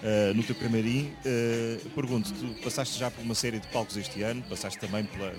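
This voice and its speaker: A man with a European Portuguese accent interviewing a singer in a dressing room, pausing often and restarting his questions. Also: mid-range voice, fairly even intonation. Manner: hesitant, many fillers and restarts.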